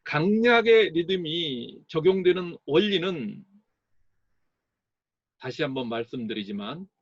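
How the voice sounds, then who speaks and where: A man giving a recorded lecture as an English teacher, explaining slowly and sounding out words to model their stress. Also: on the high side, no echo, highs cut off.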